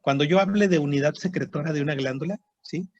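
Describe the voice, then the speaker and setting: A man's voice: on the high side, fast, darkish tone, no echo, muffled recording. Man teaching histology online. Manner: explanatory, repeats terms, frequent "¿sí?" and "¿verdad?" checks. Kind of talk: online class lecture.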